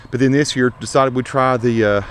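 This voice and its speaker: Here a man narrates a casual vlog, offering a folksy, off-the-cuff tour of his home garden while he walks outdoors, filmed on an action camera and picked up by its mic. He speaks briskly at a medium pitch, his intonation fairly even and his tone fairly bright and smooth.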